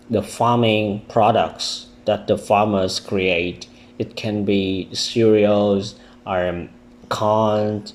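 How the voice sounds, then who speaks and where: A man with a Vietnamese accent teaching English vocabulary, slowly repeating words to drill their stress. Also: on the low side, a little mellow. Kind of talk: vocabulary lesson with pronunciation drills.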